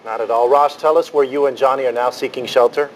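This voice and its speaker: A man's voice: mid-range voice, fairly even intonation, quick pace, a little hiss or hum, rough recording. A man anchoring live breaking news, questioning reporters and describing pictures for the audience.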